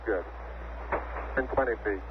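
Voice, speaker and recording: Man calling numbers over space radio. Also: lowish voice. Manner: terse, rapid numeric callouts. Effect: crackly space radio transmission with beeps. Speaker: spacecraft crew member. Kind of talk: radio communications. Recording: tinny, noisy archival radio link.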